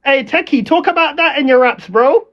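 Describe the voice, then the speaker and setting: A man's voice: very high voice, normal speed. A man with a London roadman accent and slang, ranting on a livestream in a taunting, confrontational, repetitive way. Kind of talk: ranting livestream trash talk. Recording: dull lo-fi audio.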